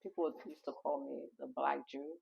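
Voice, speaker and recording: A woman from Haiti, a memoir author, telling her story in a casual interview with reflective pauses and fillers. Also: a bass voice, steady tone, gravelly, slightly rough. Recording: dull lo-fi recording.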